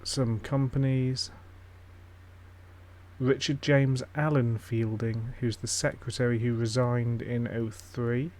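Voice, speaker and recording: Man, casual reaction commentary, skeptical, blunt, mid-pitched. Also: flat delivery, slow, darkish tone. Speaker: streamer reacting to a ghost-hunting show. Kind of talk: casual live-stream commentary.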